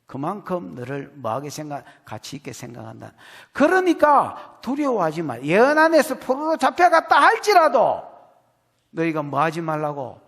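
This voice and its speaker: A man's voice: on the high side, huge pitch swings, normal speed, creaky, fairly bright tone. A male pastor with a Gyeongsang accent preaching a sermon in an emphatic, folksy way, speaking straight to the congregation. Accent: Gyeongsang Korean. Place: church sanctuary. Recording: long reverb of a church hall.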